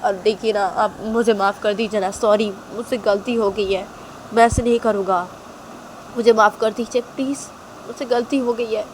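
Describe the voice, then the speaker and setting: A woman's voice: mid-range voice, steady tone, moderate pace, darkish tone, a little hiss or hum, voice pushed up, close to an everyday voice. A woman voicing a panicked guilty man who keeps begging for forgiveness in a whiny, repetitive way. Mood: pleading. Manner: whiny, begging, repeats sorry and please.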